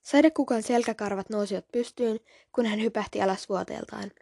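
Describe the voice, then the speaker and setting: A woman's voice: medium pitch, creaky, dark tone, slightly rough, dry recording, studio quality. A woman hosting a podcast, reading book scenes aloud and stepping out for casual, slightly apologetic asides.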